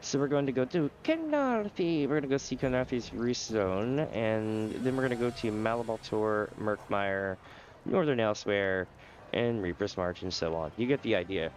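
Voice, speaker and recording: During a live stream, a man with a nasal voice and a sore throat walks viewers through a game in a casual, explanatory way, chuckling often. His voice is lowish and expressive at a moderate pace, with a little background noise.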